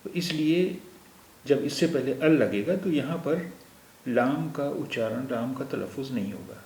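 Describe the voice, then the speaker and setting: A man's voice: mid-range voice, a little mellow. A man teaching a language lesson, patiently explaining each point step by step and repeating terms. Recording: echoey room with faint noise.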